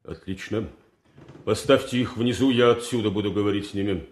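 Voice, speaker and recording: An actor playing a stern, bitterly sarcastic army colonel in a period military drama, declaiming orders deliberately with heavy pauses. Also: male voice, on the low side, natural voice. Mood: curt, businesslike. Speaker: commanding officer. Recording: echoey hall.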